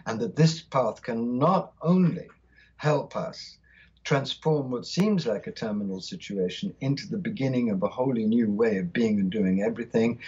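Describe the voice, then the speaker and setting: Dull audio carries a low, darkish, husky voice: a man in his sixties from South India, interviewed as a guest about a spiritual vision. He tells it with fervent, rhythmic intensity, lingering on lists of words.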